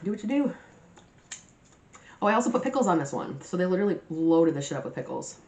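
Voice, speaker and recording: Talking to her viewers as she eats, a mukbang host chats in a casual, slangy way, her voice low and darkish with lively intonation and a racing pace. She eats messily mid-sentence and tells sweary, slang-filled stories, acting out the quotes.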